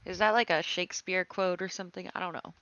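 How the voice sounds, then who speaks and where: A woman playing a tabletop role-playing game, musing aloud in an unhurried way and laughing readily. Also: on the low side, steady tone, fairly bright tone, no room sound, muffled recording. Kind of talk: casual play and table chat over voice chat.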